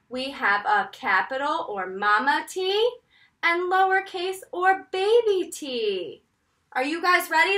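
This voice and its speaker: High, singsong American woman teaching little kids. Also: pushed and bright. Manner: singsong, encouraging, drawn-out emphasis for small children. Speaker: preschool teacher leading circle time. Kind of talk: children's lesson with call-and-response. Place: indoor room at home, in front of wall board. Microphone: camera a couple of metres away. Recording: roomy echo, distant microphone.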